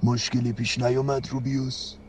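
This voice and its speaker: A man voicing an old, wise male wizard headmaster in a radio play, speaking softly and kindly. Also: medium pitch, little pitch movement, husky, natural voice. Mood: warm welcome. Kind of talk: Persian radio-play acting. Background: faint music.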